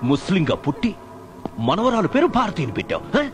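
An actor playing a cruel, menacing film villain who taunts and threatens in a sneering, melodramatic way. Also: male voice, high-pitched, wildly swooping pitch, quick pace. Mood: taunting. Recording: film scene under loud dramatic music.

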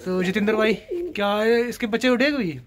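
High-voiced host talking to viewers. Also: male voice, fairly quick, background noise. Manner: eager, addresses viewers directly. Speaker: channel host and interviewer. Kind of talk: casual video interview.

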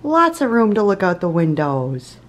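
A woman in her thirties films a casual meal prep vlog in her home kitchen, chatting away, stopping herself mid-sentence to start over and laughing at her slips. Her mid-range voice swings widely in pitch at normal speed, picked up by a camera mic held at arm's length and set on the counter.

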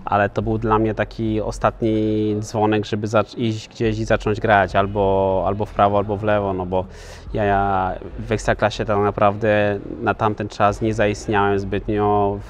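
A man's voice: on the low side, monotone, normal speed, hardly any pauses, a little hiss or hum. A man in his thirties, a footballer, answering interview questions casually, with many filler sounds and restarts. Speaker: professional footballer, guest.

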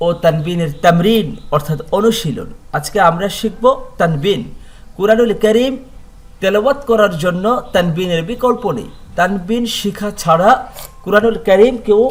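Bangladeshi bengali guy, quran teacher, sing-song chanting drills, fairly high voice. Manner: chants rules and syllables in a steady sing-song; formal address to viewers. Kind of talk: slow recorded lesson with rhythmic drilling.

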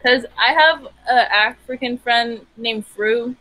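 Slow, bright-voiced young woman from California. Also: on the high side, poor audio. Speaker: video chat stranger. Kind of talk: casual chat. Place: bedroom with lights.

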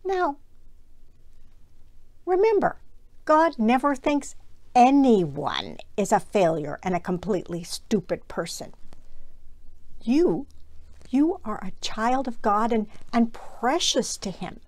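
Older woman leading a children's sermon from home; slow, animated storybook delivery with hushed suspense, dry close sound. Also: on the high side, dry recording. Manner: expressive, drops to a breathy whisper for suspense. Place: home room with bookshelves.

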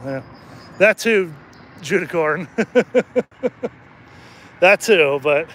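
A man hosting a casual livestream outdoors at night, jokey and rambling, his throat slightly hoarse from talking. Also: a little high, a bit bright, slight background noise. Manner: rambling and jokey, laughs often. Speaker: channel host and rideshare driver.

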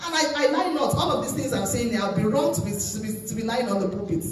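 A middle-aged woman pastor from Nigeria preaches in a church, telling her own story in an animated way and jumping up in pitch to drive a point home. Her voice carries from some distance away from the microphone. The recording is heavy with echo from the hall. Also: fast, a crowd in the background. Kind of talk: sermon. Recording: echoey church hall, voice from far off.

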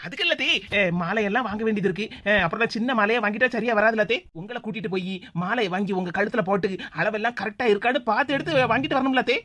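A woman with a Tirunelveli Tamil accent voicing a sharp-tongued young daughter-in-law who answers with quick, sarcastic retorts. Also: fairly high pitch. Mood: teasing. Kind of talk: cartoon voice acting.

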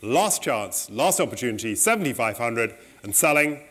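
Brisk male auctioneer calling bids. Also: mid-range voice, sing-song, background noise. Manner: brisk, polite, repetitive bid calling. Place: auction saleroom, indoors.

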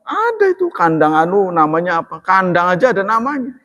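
A man teaching religion in a relaxed, chatty way, joking and laughing as he talks. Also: high voice, a little fast. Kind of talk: casual religious talk. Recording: long hall reverb.

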